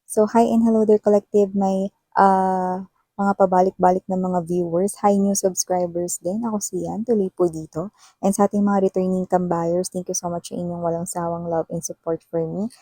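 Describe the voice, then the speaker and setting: A Filipino-accented woman reads tarot in an easy, chatty way, constantly checking in with her viewers. Her voice is mellow and warm with a soft breathy edge. It sounds close and dry. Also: on the low side, little pitch movement, moderate pace, dry recording, poor audio. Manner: chatty, tags sentences with "no?". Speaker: tarot reader. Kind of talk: casual tarot reading for viewers.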